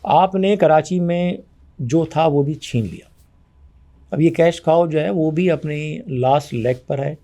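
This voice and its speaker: A man giving an interview, arguing forcefully and acting out both sides of past conversations. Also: fairly high pitch. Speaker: guest.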